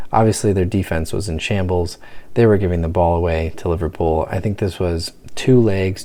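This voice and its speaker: A man hosting a football fan channel, giving a casual match reaction in a hushed, half-whispered voice from home at night, rambling with many restarts. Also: low-pitched, vocal fry.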